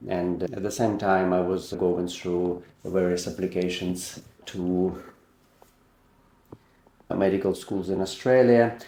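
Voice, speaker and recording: A middle-aged man from Ukraine with a Ukrainian accent, a surgeon recounting his career in a measured way, restarting words and using slightly non-native phrasing. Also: low-pitched, fairly even intonation, dark tone, reverberant. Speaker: heart and lung surgeon. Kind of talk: personal career account.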